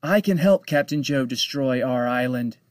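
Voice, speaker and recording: A man's voice: mid-range voice, moderate pace, dry recording, clean studio sound, close to an everyday voice. A man voicing a curt, scheming female pirate captain in a storybook, speaking in short, clipped lines. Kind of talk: storybook read-aloud.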